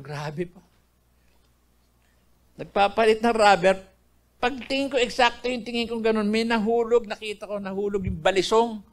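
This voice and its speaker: An older man from the Philippines, earnestly telling his personal faith testimony to his listeners. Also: high-pitched. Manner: earnest storytelling, addressing listeners as brethren. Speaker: testimony speaker.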